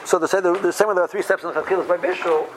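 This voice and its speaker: A man's voice: high voice, steady tone, very fast, noisy background. A man giving an informal lesson on a religious text, reading and explaining, rephrasing often and posing questions that he answers himself. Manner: repeats and rephrases, poses questions and answers them.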